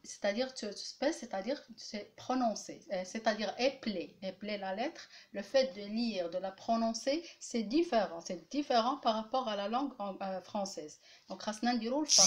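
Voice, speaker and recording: A woman teacher giving a lesson, patiently repeating each letter and point many times. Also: a little high. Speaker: language teacher. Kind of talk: classroom-style lesson.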